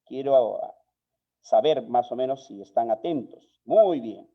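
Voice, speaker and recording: A man with a Peruvian Spanish accent teaching a live online spelling lesson, measured and explanatory, asking viewers questions. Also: mid-range voice, expressive. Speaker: online course instructor. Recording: slightly dull lo-fi audio.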